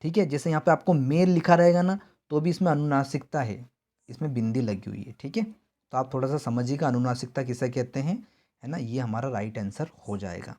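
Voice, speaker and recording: A man teaching a Hindi exam-prep lesson in a chatty way, asking questions and then answering them himself, and drawing out key words slowly to stress them. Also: mid-range voice, warm tone.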